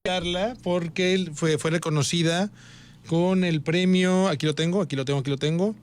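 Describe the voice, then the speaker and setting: Mexican man, radio co-host, slightly high voice, banters easily with his partner. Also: fairly even intonation, clear, resonant tone. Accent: Mexican Spanish. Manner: quick to agree, bantering. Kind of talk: casual radio chat. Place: radio studio.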